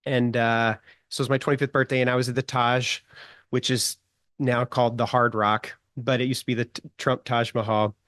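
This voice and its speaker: A middle-aged man spins a casual anecdote as a podcast guest, animated and quick to chuckle, with plenty of fillers. His pitch sits in the middle range. The sound is dry and close to the mic. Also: no echo. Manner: animated storyteller, chuckles often, many fillers. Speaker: guest writer.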